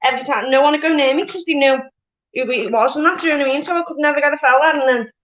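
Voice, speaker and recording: High-voiced Scouse woman, blunt and casual. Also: very fast, a bit bright. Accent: Liverpool. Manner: blunt, anecdotal, peppered with "like". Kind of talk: casual sweary chat. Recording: dull lo-fi audio.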